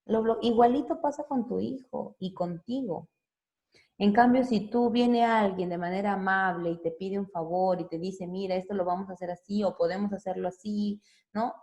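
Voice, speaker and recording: In a muffled recording, a woman psychologist gives an informal talk to parents in a mellow, mid-range voice at normal speed. She explains things step by step and keeps checking in conversationally with tag questions.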